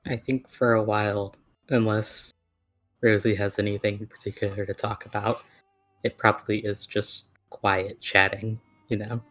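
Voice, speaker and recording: A man's voice: fairly low pitch, little pitch movement, normal speed, fairly bright tone, soft background music. A man casually bantering and describing his character as a tabletop player. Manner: laid-back, swears casually.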